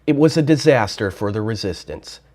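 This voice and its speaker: A man giving scripted documentary narration in a grave, measured tone. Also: lowish voice, lively intonation, a little mellow.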